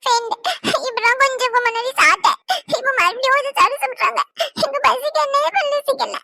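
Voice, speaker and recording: A woman's voice: very high-pitched, a little fast, vocal fry, bright, forceful tone, no echo, studio quality, voice pushed up, full character voice. A woman voicing a small whiny boy who refuses his food, speaking in a whimpering, pleading way.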